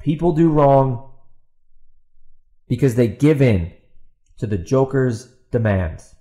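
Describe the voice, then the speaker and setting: Slow-paced and mellow, his mid-range voice carrying lively intonation, a podcast host and author rants his opinions off the cuff. Exasperation and sarcasm run through it, along with emphatic repetition and rhetorical questions put to an opponent who isn't there.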